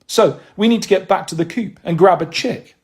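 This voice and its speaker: A man voicing a sharp, bossy young girl who gives brisk orders, in an audiobook reading. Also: sits high, close to an everyday voice. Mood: brisk, commanding. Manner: brisk, commanding. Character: sharp, bossy 12-year-old girl leader.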